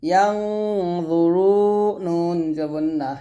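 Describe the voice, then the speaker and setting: Slow, syllable-drilling male recitation teacher. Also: on the high side, steady tone, mellow, dull audio. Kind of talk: spelling-out pronunciation lesson.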